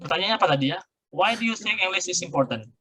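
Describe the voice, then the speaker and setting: A man's voice: high-pitched, lively intonation, fast, bright, forceful tone, slightly rough, poor audio. A middle-aged male university lecturer explaining a grammar lesson, switching between Indonesian and English.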